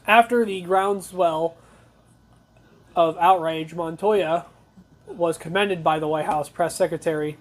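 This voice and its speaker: A talk show host giving blunt, conversational news commentary, reading reports aloud with opinionated asides. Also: mid-range voice.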